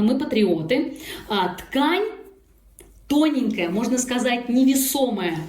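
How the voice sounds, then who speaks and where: A woman's voice: medium pitch, a little mellow. A woman giving an upbeat, explanatory, casual product review as she talks through an unboxing. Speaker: product presenter. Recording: echoey room, faint background noise.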